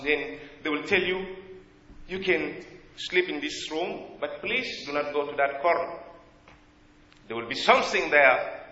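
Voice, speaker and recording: A South Sudanese-accented man preaching a sermon with a bright, forceful voice set a little high. He speaks earnestly and haltingly, pausing to find his words. The sound is dull and lo-fi, ringing through a large reverberant church hall. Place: church in America.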